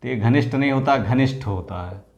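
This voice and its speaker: A man teaching an exam-prep lesson, repeating each word and firing off quick rhetorical questions in an informal, coaxing way. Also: mid-range voice, a little mellow, dull audio. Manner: drills words by repetition, asks quick rhetorical questions.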